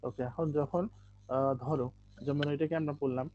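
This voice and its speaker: A man teaching English in an online live class. He explains step by step with many okays, and reads English lines out slowly to drill pronunciation. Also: fairly high pitch, steady tone, warm tone, muffled recording, a little hiss or hum.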